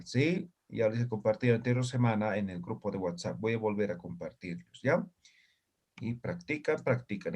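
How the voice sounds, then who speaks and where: A man leads a live online language lesson, explaining sounds step by step in a patient, steady way. His voice sits at an ordinary middle pitch for a man. It comes through a computer mic on a video call. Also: slightly rough. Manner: patient explaining, tags nearly every phrase with a short check-in question. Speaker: language teacher.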